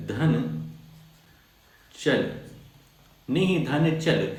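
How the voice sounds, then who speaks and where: A man's voice: on the high side, very echoey. A man teaching a grammar lesson to schoolchildren, repeating key points and putting questions to the class.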